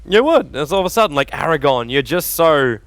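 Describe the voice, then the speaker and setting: Animated young male esports caster. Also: fairly high pitch, brisk, no room sound. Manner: animated, jokey, laughs often, self-deprecating. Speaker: esports commentator. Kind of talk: casual on-air banter between games.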